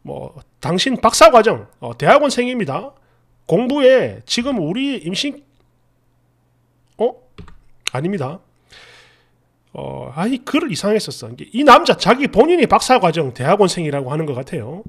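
High-pitched, lively man reading a story. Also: normal speed, gravelly, pauses often. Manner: animated, incredulous asides. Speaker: narrator reading viewer stories. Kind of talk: reading an online post aloud with commentary.

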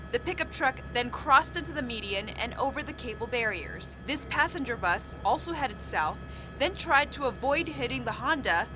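A young woman delivering a scripted TV news report as a reporter. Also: on the high side. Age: young adult.

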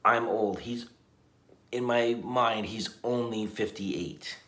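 A man's voice: lowish voice, slow, fairly bright tone, echoey room. A man in his fifties, tired after a long day, talking earnestly to the camera from a hotel room at night, often restarting his sentences. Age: 50s. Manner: reflective, earnest, with frequent restarts. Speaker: vlogger. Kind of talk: casual vlog talk to camera. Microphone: camera on a table at arm's length.

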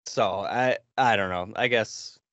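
This podcast host, a man with a fairly low pitch, talks slowly in a pushed, bright voice as he chats casually and wryly, sounding resigned, on a gaming podcast. He's in a small bedroom on a headset during a video call, with no room sound and a slightly dull, lo-fi quality.

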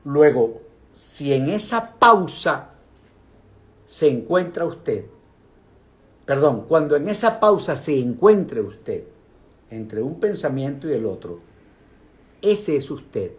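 An older man gives a casual, animated talk on meditation, speaking directly to his viewers. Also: a little high, slow, long pauses. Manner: animated, speaks directly to viewers, asides and vocal sound effects.

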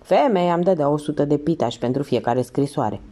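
A woman voicing a crafty, hoarse old newspaper seller who grumbles slyly, in an audiobook reading. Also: sits low, expressive, warm tone.

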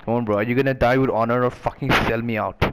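A man's voice: mid-range voice, steady tone, fast talker, slight background noise. A man commenting casually on a game, swearing, laughing and acting mock-betrayed. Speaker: gaming streamer.

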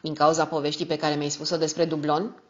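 A woman's voice: low-pitched, flat delivery, highs cut off, lightly acted. A woman reading the lines of a tough, wry male private detective in a dry, terse manner.

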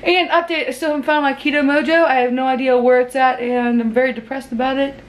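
Talking to a handheld camera at arm's length, a young Pennsylvania woman chats her way through a grocery haul vlog in her home kitchen. She's bubbly and teasing, speaking quickly in a high voice with a steady tone.

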